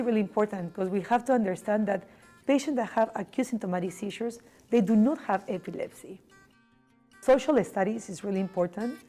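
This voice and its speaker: A middle-aged woman from Peru speaks English with a Peruvian Spanish accent. Her voice is mellow and warm, and she talks earnestly with small slips in her phrasing. Faint music plays quietly underneath. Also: mid-range voice. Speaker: neurology professor. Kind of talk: interview monologue.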